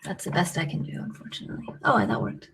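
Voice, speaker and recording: A woman in her forties with an American accent, giving a webinar presentation on a video call in a clear, explanatory way. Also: quick pace. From United States.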